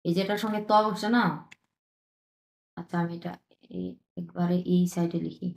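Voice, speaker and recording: A woman's voice: fairly low pitch, fairly even intonation, creaky, a little mellow. Woman teacher, online lesson, patient and repetitive, checks in with students, echoey room. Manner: repeats words slowly, checks in with "হ্যাঁ?". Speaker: language teacher.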